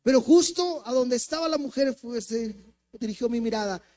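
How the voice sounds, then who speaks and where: Preaching in church, a male co-pastor with a Mexican accent shares a personal story, acting out its voices and shifting vividly from loud to hushed. He speaks at a normal speed in a very high voice.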